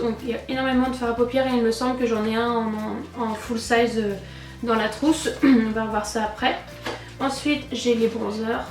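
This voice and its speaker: A woman with a French accent from France, chatting enthusiastically through an unboxing, her voice thick with a cold and sore throat, as if her tonsils were swollen. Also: on the high side. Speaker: beauty vlogger and cosmetics brand ambassador. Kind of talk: casual chatty unboxing narration. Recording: roomy echo, distant mic, music.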